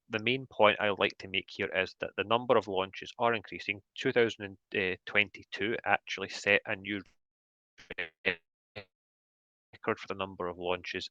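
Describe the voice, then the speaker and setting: A man's voice: low voice, bright, forceful tone, no echo. A man with a broad Scottish accent presenting an academic webinar as a guest lecturer, slightly hesitant and repeating words. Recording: dull, lo-fi online call audio.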